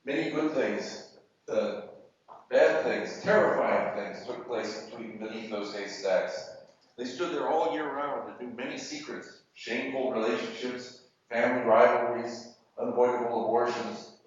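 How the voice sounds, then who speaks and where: A man reading fiction aloud at a literary event, measured and deliberate with pauses, in a university hall. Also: medium pitch, a little hiss or hum. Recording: echoey hall, distant mic, muffled.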